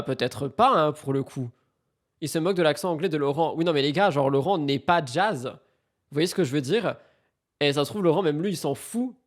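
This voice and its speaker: A young man hosts a casual commentary show, reacting to reality TV clips in a chatty, animated way and leaning on fillers. His voice sits a little high for a man. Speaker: host.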